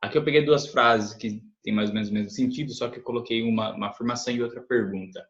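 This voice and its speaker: A man with a Brazilian Portuguese accent, teaching an English lesson, patiently explaining sentences, often adding "né?", reading examples slowly. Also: mid-range voice, steady tone, a bit bright. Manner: patient explanations, frequent "né?" tag questions. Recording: echoey room, dull lo-fi sound.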